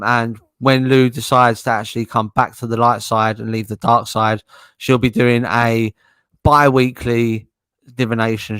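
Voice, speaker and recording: A man's voice: medium pitch, fairly bright tone, clear, resonant tone, no room sound. Guy hosting a podcast, rambly and giggly, dry sound. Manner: laughs often, chatty, rambling. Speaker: podcast host. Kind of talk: casual chat.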